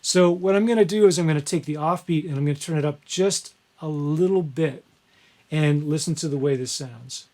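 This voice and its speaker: A man teaching a screen-recorded music software lesson, relaxed and conversational as he explains each step. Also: on the high side, moderate pace, a little hiss or hum. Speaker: music instructor.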